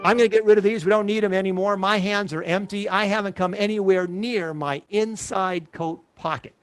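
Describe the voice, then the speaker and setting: High-voiced man performing magician patter. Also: fairly even intonation, fairly quick, soft background music. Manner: repetitive step-by-step build-up to a reveal. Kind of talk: magic trick stage patter.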